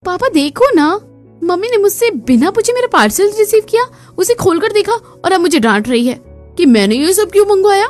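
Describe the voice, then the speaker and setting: A woman's voice: sits high, fairly quick, faint music behind, close to an everyday voice. A woman voicing a spoiled young college daughter in a cartoon, whiny and petulant.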